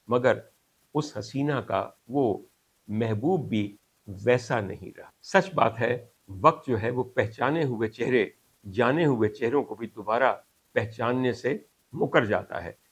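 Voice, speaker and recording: A husky Pakistani man with a fairly low pitch hosts a storytelling monologue for viewers. He is a doctor, and his delivery is courtly, rhetorical and dramatic, moving between English and Punjabi.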